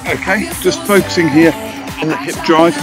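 A man's voice: a little high, moderate pace. A man in his thirties working as an aerobics instructor, calling out short, encouraging exercise cues and counts while he moves. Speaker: fitness instructor leading a home workout. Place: outdoors in a garden. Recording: loud electronic music behind the voice.

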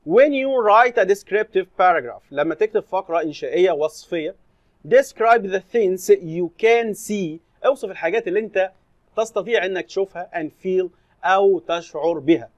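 A man with an Egyptian Arabic accent, teaching a lesson and reading English slowly before explaining it in Arabic. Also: sits high, no room sound, muffled recording. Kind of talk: recorded classroom lesson explanation.

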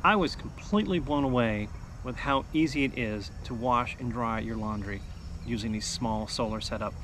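A man's voice: medium pitch, normal speed, a bit bright, slight background noise. A man in his forties, an off-grid homestead vlogger, explaining his gear step by step in a chatty, upbeat way while sitting outdoors beside his house. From United States. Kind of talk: casual how-to vlog. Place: outdoors by a house wall in a backyard.

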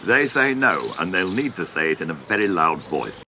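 A man reads a documentary script in a measured, deliberate way. His voice sits very low yet sounds bright and clear. His pitch moves widely through each line, with a faint hiss behind him. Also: very animated. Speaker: documentary narrator.

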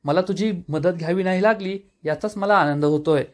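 Earnest calm young woman, man reading her lines, high voice. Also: moderate pace, close to an everyday voice.

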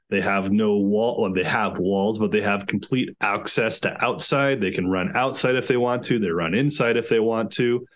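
An organic chicken farmer in his thirties, appearing as a podcast guest over a video call, talks eagerly and rambles with many restarts. His voice is on the low side and a bit bright, recorded in a small indoor room.

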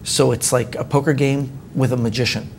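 A man in his forties with a gravelly edge to his voice, talking as a guest in a dark TV studio. He tells his ideas animatedly, acting out little scenes. A faint noise sits under the lapel mic. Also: medium pitch, brisk. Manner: animated storyteller, acts out quoted lines, chuckles often. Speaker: magician guest. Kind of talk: casual studio discussion.

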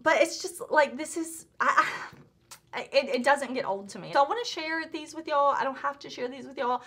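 A woman chatting excitedly through a beauty haul, gushing and full of "like" and restarts. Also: high-pitched, normal speed. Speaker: beauty vlogger. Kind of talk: casual beauty haul chat.

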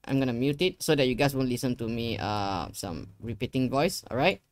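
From his desk in a gaming room, a young guy walks viewers through a casual screen-share tutorial. His mid-range voice moves fairly quickly with lively intonation, and he keeps repeating phrases and addressing the audience. The recording is dry.

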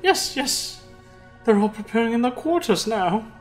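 A woman's voice: a little high, animated, a little slow. A woman reading game dialogue as a polite, fussy organizer of evening entertainment, prim and flustered, with faint game music behind.

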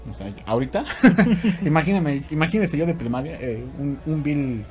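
A Mexican man hosting a casual podcast, telling stories in an animated way, laughing often and swearing freely. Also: a little high, normal speed, soft background music. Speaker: podcast host. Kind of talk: casual storytelling chat.

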